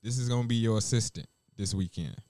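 A man's voice: fairly low pitch, fast, warm tone, dry recording. A man who works as a chef, chatting casually and bluntly with lots of swearing and laughter. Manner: blunt, profane, laughing often. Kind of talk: casual chat.

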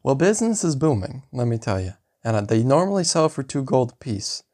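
A man's voice: mid-range voice, sing-song, a little fast, darkish tone, pitched above the performer's own voice. A man voicing a boastful male seaweed farmer, with a wheedling salesman manner.

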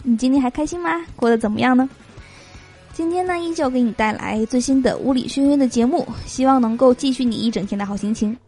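A woman's voice: sits high, fast talker, over music. A woman hosting a joke show, reading jokes aloud in a cheerful way and laughing at her own punchlines. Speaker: host.

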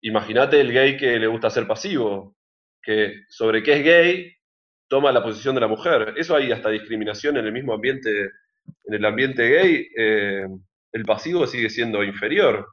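A man with an Argentine accent, a guest in a casual interview, explaining his views in a reflective, measured way. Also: mid-range voice, expressive. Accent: Argentine Spanish. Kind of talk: casual conversation. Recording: dull lo-fi sound.

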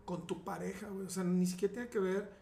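High-voiced Mexican man, blunt and slangy. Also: steady tone, quick pace, creaky, mellow. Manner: slangy, blunt, swears freely. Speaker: surgeon guest. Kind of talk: casual podcast chat. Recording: roomy echoey room.

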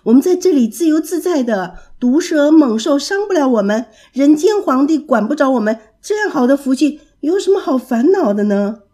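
A woman voicing a group of excitable little monkeys in a children's storybook reading. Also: high voice, moderate pace, few pauses, pitched above the performer's own voice. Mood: eager.

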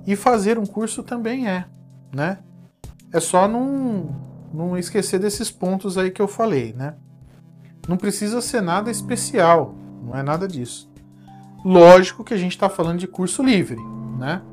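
A man's voice: high voice, lively intonation, moderate pace, a little mellow, faint music behind. A man with a Brazilian accent giving a casual spoken lesson in a conversational way, often ending phrases with a questioning tag. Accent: Brazilian Portuguese. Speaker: teacher giving advice on online courses.

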